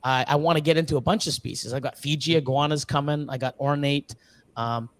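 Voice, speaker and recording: A man's voice: on the high side, steady tone, fast talker. A man chatting casually as a guest about breeding reptiles, rambling with lots of fillers, restarts and the odd curse. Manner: swears casually. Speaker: guest, ball python breeder. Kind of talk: casual live-stream chat. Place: reptile facility in Ontario.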